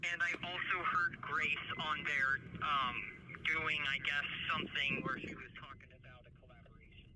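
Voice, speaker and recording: Man, prison phone call, halting, hesitant, loud line noise. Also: a little high, huge pitch swings. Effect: heard over a prison phone line. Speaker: caller from prison.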